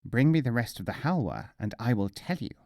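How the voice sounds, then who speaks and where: A man voicing a wily, self-satisfied mullah from a folk tale, speaking deliberately and matter-of-factly. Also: medium pitch, very animated, vocal fry, mellow, no room sound, clean studio sound. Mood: self-important.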